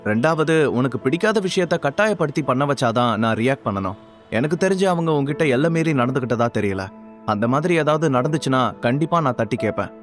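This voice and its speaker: A man voicing a calm, gentle young husband in an audio story, speaking in a soft, reassuring way. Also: a little high, pitched below the performer's own voice, close to an everyday voice.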